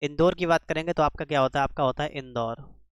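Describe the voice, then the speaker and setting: Talking fast in a slightly high, clean voice, a man leads an exam-prep grammar lesson focused on spelling, recorded in studio quality without room sound. He tests the class with rhetorical questions and repeats each answer.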